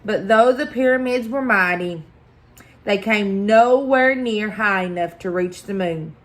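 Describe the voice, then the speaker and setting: A woman reading a children's picture book aloud as a story-time host, deliberate and expressive, pausing for effect. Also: mid-range voice. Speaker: library story-time reader.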